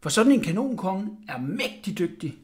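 A man voicing an eager, know-it-all village boy in a storybook, explaining quickly in a higher voice. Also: sing-song.

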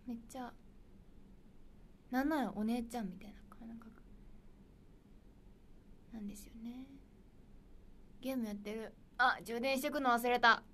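A woman's voice: a little high, steady tone, unhurried, long pauses, slight background noise. Bubbly young woman with a Kansai accent. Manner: bubbly, chatty, drops into soft near-whispered asides. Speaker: idol livestream host. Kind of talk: casual livestream chat reading viewer comments.

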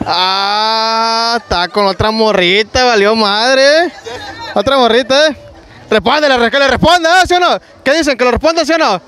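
A young Mexican man with a very high voice runs a rowdy street game outdoors, talking into a handheld mic. He teases the contestants and pumps up the crowd with slang, surrounded by the bustle of a market. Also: normal speed, sharp tone. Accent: Mexican Spanish. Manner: teasing, hypes the crowd, slangy. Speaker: street prank show host. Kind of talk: energetic street game hosting. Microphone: handheld microphone.

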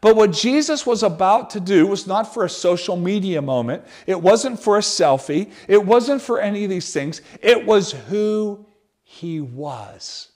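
A male pastor, preaching a sermon in an animated, conversational way, often restarting his sentences. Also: sits high, a little slow.

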